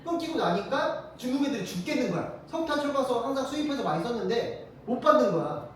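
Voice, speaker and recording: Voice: mid-range voice, a little hiss or hum. Teacher lecturing in a very echoey room. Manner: casual, quizzes students with quick rhetorical questions. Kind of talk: classroom lecture. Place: classroom with students present. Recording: very echoey room, mic far off.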